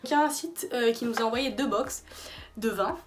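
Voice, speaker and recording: A woman's voice: a little high, moderate pace. A young woman in a casual gift-idea vlog, tired late at night, chatty and rambling with fillers and restarts. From France. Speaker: YouTuber. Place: small bedroom.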